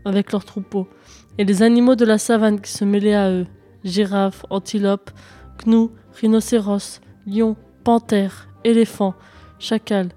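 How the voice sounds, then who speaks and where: A woman storyteller reading a folk tale aloud in a steady, expressive way. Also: mid-range voice, unhurried, soft background music.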